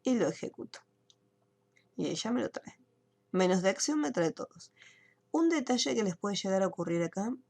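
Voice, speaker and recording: A woman's voice: medium pitch, animated, moderate pace, creaky, pauses often, darkish tone, breathy edge. A woman teaching an online computer class, explaining each step and checking in with her students. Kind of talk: screen-share software tutorial.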